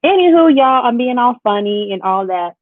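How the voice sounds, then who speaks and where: An upbeat woman hosts a makeup livestream, chatting casually with viewers in a medium-pitched voice at normal speed. She wears AirPods, so the audio is tinny and phone-like, with no room sound.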